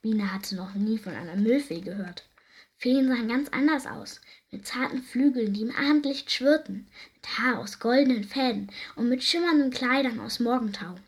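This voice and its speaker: A woman reading a children's story aloud in a lively, expressive way, with a breathy voice. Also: on the high side, normal speed.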